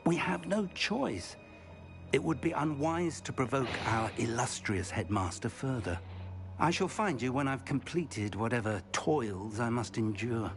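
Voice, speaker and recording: A man's voice: medium pitch, expressive, unhurried, over music. An actor playing an older male professor who speaks in a formal, articulate way. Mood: weary.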